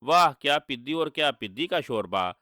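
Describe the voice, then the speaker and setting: A man's voice: a little high, expressive, moderate pace, bright, forceful tone, dry recording, studio quality. A man doing a gloating sorcerer villain. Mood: gloating, mocking. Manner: gloating, taunting with read-out laughter. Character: boastful male sorcerer villain, mocking and cruel.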